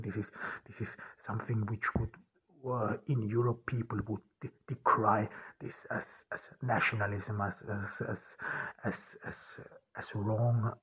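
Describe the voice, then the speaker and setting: A man from Austria with an Austrian German accent, talking in an unscripted solo podcast, halting and restarting his sentences often. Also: lowish voice, slightly rough, low-quality recording. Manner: halting, many restarts and repeated words. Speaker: podcast host.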